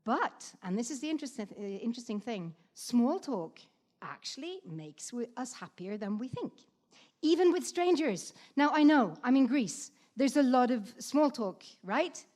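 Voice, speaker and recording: A woman's voice: on the high side, normal speed. Chatty woman giving a talk. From Norway. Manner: lively, chatty, with many fillers and asides to the audience. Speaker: speaker. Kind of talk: conference talk. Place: stage before a live audience.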